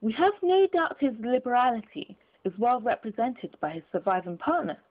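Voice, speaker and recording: A woman voicing a courteous, formal, earnest gentleman collecting for charity in a storybook reading. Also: a little high, big pitch swings, normal speed, pitched above the performer's own voice. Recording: muffled phone-like narrow sound.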